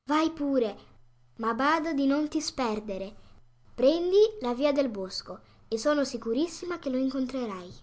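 Kind motherly fairy, read by a woman: high, soft and soothing, for a storybook. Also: animated, a little slow. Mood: tender. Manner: soft, sweet and reassuring.

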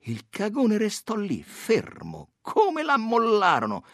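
Guy reading a story out, really lively voice, goes up and down a lot, bit higher than most. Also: slow, no echo, studio quality. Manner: expressive, dramatic storytelling. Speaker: narrator.

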